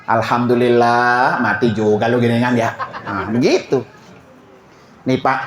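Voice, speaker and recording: A man's voice: a little high, fairly bright tone. Man preaching. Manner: colloquial, asks the crowd questions and answers them himself. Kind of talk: sermon at a seven-day memorial prayer gathering. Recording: echoey room with faint background noise.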